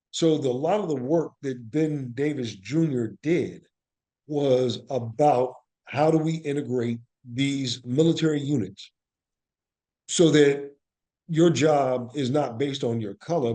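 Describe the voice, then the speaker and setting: A man with a darkish, mid-range voice answers questions as a guest; he is an actor and playwright. He talks reflectively and conversationally, with earnest explanations and emphatic repetition.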